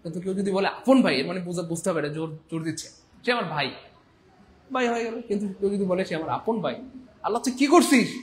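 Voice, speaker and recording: Give me an energetic, high-voiced male teacher. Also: slight background noise. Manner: energetic, repetitive, playful, acts out little scenes. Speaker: online English teacher. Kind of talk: live online class.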